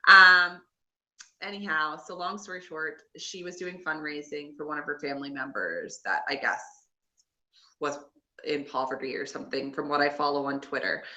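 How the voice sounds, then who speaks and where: A woman's voice: sits low, moderate pace, bright, forceful tone, rough recording. A woman with a Nova Scotian Canadian accent co-hosting a podcast, chatting casually in a rambling, gossipy recap. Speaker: podcast co-host.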